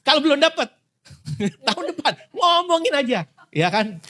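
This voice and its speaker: Lively man preaching. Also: extremely high pitch. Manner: lively, playful preaching with quick voiced quotes and laughs. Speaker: pastor. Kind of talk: sermon.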